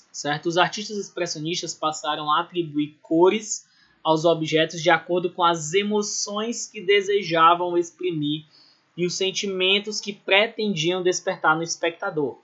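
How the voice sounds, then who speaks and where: A man's voice: on the high side, a bit bright. Brazilian-sounding man teaching art, lo-fi. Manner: explanatory, many "né?" and "ou seja" tags, self-corrections. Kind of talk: recorded online class lecture.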